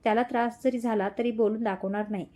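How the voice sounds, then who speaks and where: A woman's voice: on the high side, steady tone, quick pace, mellow, lightly acted. A woman voicing a concerned young man who reassures a friend and makes plans.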